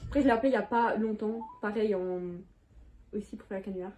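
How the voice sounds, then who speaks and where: A teenage girl hosts a prank-call video, chatting casually in slang, exclamatory and quick to get exasperated. She talks fast in a medium-pitched voice over a noisy background.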